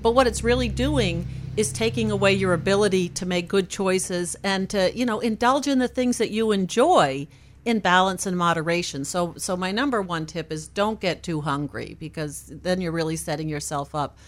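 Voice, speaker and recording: A woman's voice: fairly low pitch, normal speed. A woman guest on a radio show, giving cheerful, encouraging advice in a casual chat and laughing easily. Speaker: weight loss program manager, radio guest.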